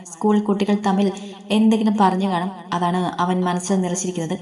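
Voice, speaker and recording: A woman reading the part of a calm, patient grandmother who reasons gently in a storybook reading. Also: mid-range voice, fairly quick, echoey room, close to an everyday voice.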